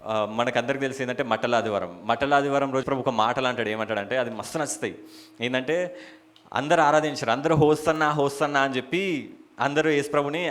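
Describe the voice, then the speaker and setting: A man preaching a church sermon in a Telangana Telugu accent, with shouted hallelujahs and rhetorical questions. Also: mid-range voice. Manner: soft murmured prayer at the start. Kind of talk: church sermon with opening prayer.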